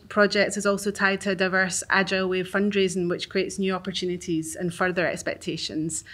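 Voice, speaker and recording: A woman speaks in a Glaswegian accent, reading out a prepared statement at a panel. She paces her words deliberately so they can be followed. Her pitch sits in an ordinary range for a woman. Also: fairly bright tone. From Glasgow, Scotland. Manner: deliberately paced for interpreters. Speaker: arts organisation worker and panel speaker. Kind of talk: prepared statement read aloud.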